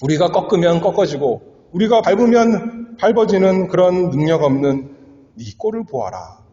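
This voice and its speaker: A man's voice: high voice, sing-song, moderate pace, mellow. A man voicing a scornful Roman soldier who taunts a prisoner with contemptuous questions, in a sermon retelling. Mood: mocking. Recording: echoey hall, dull lo-fi sound.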